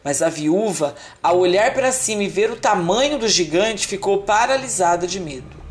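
A woman reading a children's fairy tale aloud in an expressive, unhurried storytelling manner. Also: mid-range voice, a little hiss or hum.

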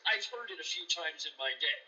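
A man's voice: fairly high pitch, lively intonation, a little fast, sharp tone, distant mic, muffled recording. A man co-hosting a podcast, delivering an emphatic, profane, preachy rant about sports. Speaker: podcast co-host.

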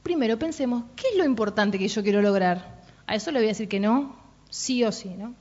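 A woman's voice: on the high side, lively intonation, fairly quick, darkish tone. A woman with a Rioplatense accent, giving an informal parenting talk and checking in with listeners often. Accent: Rioplatense Spanish. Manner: chatty, asks "¿no?" and "¿sí?" often. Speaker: parenting workshop speaker. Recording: dull lo-fi recording.

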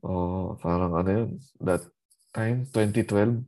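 A man's voice: on the low side, slow, warm tone. Chatty man who laughs often. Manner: chatty, laughs often, mixes English into Filipino speech. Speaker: interview guest. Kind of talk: casual interview chat.

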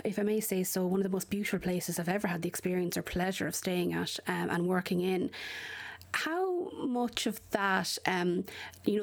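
A woman interviewer with a medium-pitched voice and plenty of vocal fry. She sets up her questions conversationally, in a measured, courteous and wordy way.

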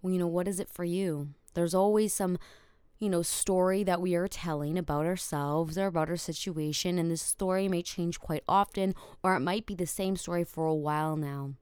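A woman's voice: on the low side, steady tone, normal speed, darkish tone, clear, resonant tone, no room sound, clean studio sound. A woman hosting a podcast, talking earnestly about choice and mindset in a rambling, filler-heavy way. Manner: earnest, rambling, many fillers like "you know" and "like". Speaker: podcast host. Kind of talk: reflective self-help talk.

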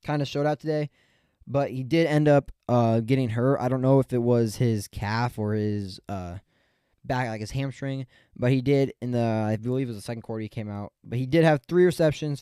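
A man's voice: medium pitch, dark tone, smooth, no room sound, clean studio sound. A man hosting a podcast, recapping football games in a rambling, opinionated way with many fillers and restarts. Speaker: podcast host. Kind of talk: casual sports recap.

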